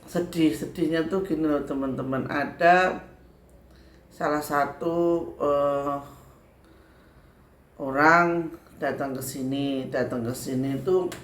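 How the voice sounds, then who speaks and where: A woman from Central Java with a Javanese accent, a spiritual medium chatting to her viewers in a casual storytelling way, looping back with filler tags. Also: rumbling low. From Sragen, Central Java, Indonesia. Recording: echoey room with faint background ambience.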